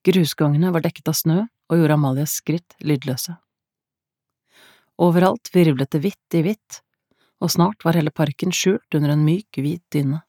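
Woman audiobook narrator, deep voice, measured pace, dry studio sound. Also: dark tone, no room sound. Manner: measured, unhurried storytelling. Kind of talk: scripted narration.

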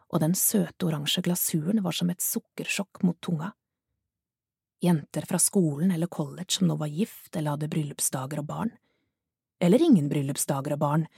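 A woman narrating a thriller audiobook in a measured, hushed manner. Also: low voice, gravelly, slightly rough, no echo, clean studio sound. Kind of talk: scripted narration.

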